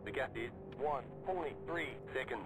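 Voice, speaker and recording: A man's voice: medium pitch, moderate pace, close to an everyday voice, low-quality recording. A man voicing a racing game spotter, giving terse, clipped pit radio calls. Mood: flat. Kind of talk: short game callouts.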